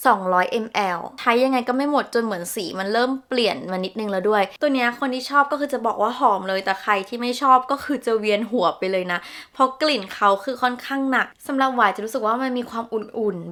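A woman's voice: a little high, sharp tone. A young woman chatting casually through a perfume review, descriptive and gushing, with polite particles. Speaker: beauty vlogger.

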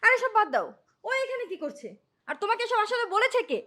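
A woman plays an indignant wife from a short drama with a very high, bright voice. She talks quickly and in a demanding way, pressing hard for answers. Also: big pitch swings, heavily acted. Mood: questioning. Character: wronged older sister and wife, indignant. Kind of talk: short-film drama acting.

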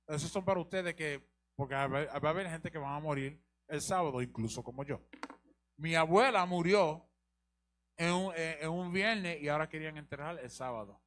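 A man's voice: on the high side, moderate pace, fairly bright tone. A man teaching the Bible on a live show, asking rhetorical questions and repeating key lines. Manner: rhetorical questions and repetition, directs the reader.

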